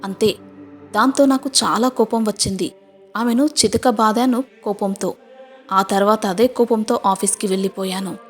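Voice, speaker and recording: A woman narrating a scripted first-person moral story in a steady, measured reading voice. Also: medium pitch, soft background music.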